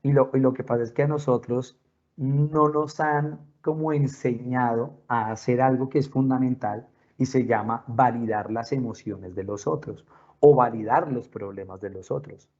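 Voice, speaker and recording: Speaking from home with pets nearby, a parent workshop speaker talks earnestly to parents, sharing stories from his own life and asking questions. His voice is medium-pitched, steady, and darkish at a moderate pace, and the audio is dull.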